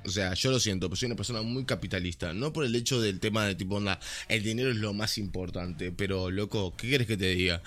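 A man's voice: lowish voice, fairly bright tone. A young man with a Uruguayan Spanish accent, co-hosting a casual podcast and ranting heatedly, swearing as he goes. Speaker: podcast co-host.

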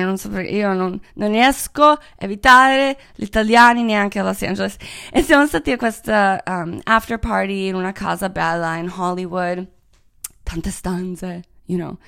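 A woman's voice: mid-range voice, creaky, fairly bright tone, clean tone. A woman telling candid personal stories in a casual, profane monologue, often slipping phrases into her Italian. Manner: frank, profane, mixes English into Italian. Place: Los Angeles.

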